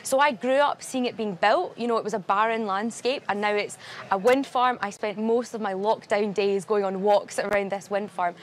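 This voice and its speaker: A young woman talks in a live news interview from a busy summit venue. Her delivery is earnest and steady, clear and well-organised, with firm stress on what must be done. A faint background hum sits under her voice. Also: medium pitch, normal speed. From Glasgow, Scotland. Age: young adult. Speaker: climate campaigner, guest. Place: at a large climate summit venue.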